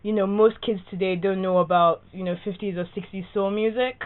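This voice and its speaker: A woman's voice: mid-range voice, fairly even intonation, fairly quick. A woman co-hosting a music podcast, recounting news chattily with lots of "you know" and "um". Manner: chatty, relays news with many fillers. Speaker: podcast co-host. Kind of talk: casual music chat. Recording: narrow phone-like sound.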